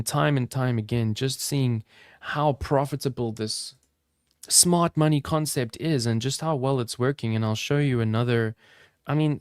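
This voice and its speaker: An upbeat, chatty man from South Africa, his South African accent softened toward American, hosting a live trading stream and talking straight to his viewers. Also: medium pitch, no room sound, clean studio sound. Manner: upbeat, chatty, addresses chat viewers directly. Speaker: crypto trading livestream host. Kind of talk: casual live-stream commentary.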